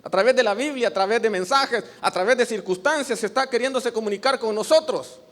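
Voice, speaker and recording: A man with a very high-pitched voice preaches an earnest sermon, often asking his listeners for agreement. His voice carries a long church-hall reverb. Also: fairly quick, fairly bright tone. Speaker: pastor.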